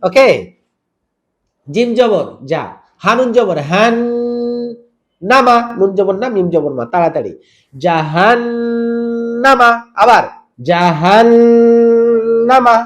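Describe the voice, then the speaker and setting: A man teaching Quran recitation rules, spelling out each letter and vowel mark and then drawing the words out slowly in a chanted style, asking the listener to repeat. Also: fairly high pitch, lo-fi sound. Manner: asks the listener to repeat after him. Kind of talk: step-by-step tajweed lesson.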